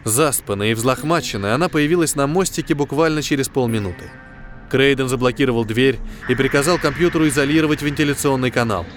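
Male audiobook narrator, dramatic scripted sci-fi read, mid pitch, light music bed. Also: quick pace. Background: faint music.

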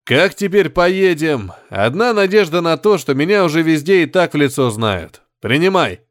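A man voicing a tough male convoy driver who barks orders loudly and urgently. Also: fairly high pitch, very animated, moderate pace, dry recording, clean studio sound, pitched above the performer's own voice. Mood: urgent shouting. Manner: barking, loud, commanding.

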